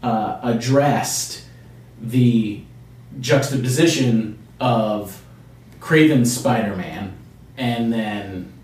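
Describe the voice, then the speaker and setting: A man's voice: medium pitch, drawn-out words, a little mellow. An eager man co-hosting a casual comic book podcast, chuckling as he explains. He sits well back from the microphone. His voice rings in a very echoey room. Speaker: podcast co-host. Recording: distant mic, very echoey room.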